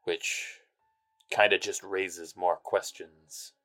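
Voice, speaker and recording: An actor playing a world-weary, sardonic hardboiled private eye in a noir audio drama. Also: male voice, low-pitched, level tone, slow, fairly bright tone, faint music behind.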